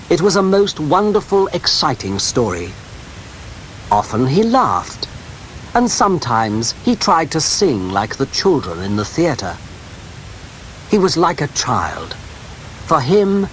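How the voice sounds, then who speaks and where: A man narrating an audiobook in a slow, careful reading style, heard from a worn cassette tape copy. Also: medium pitch, rough recording. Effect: worn cassette tape copy with faint hiss.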